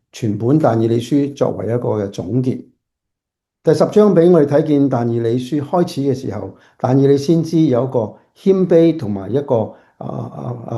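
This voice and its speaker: A man pastor giving a sermon from home, halting and restarting often. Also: mid-range voice, dark tone.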